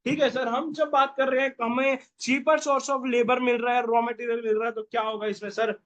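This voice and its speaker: A man's voice: extremely high pitch, flat delivery, normal speed, fairly bright tone, dull audio. A young man teaching a revision lecture, playful and jokey, who keeps quizzing his listeners with "yes or no?".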